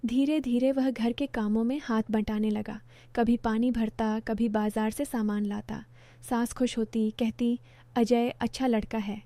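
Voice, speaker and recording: A woman narrating a first-person story in a calm, measured, reflective way. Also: fairly high pitch, no room sound.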